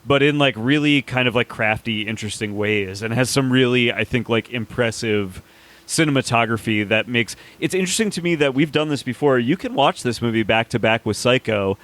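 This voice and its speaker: Male podcast host, middle pitch, eager casual film chatter. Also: a little fast, a bit bright. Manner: enthusiastic, swears casually, many restarts.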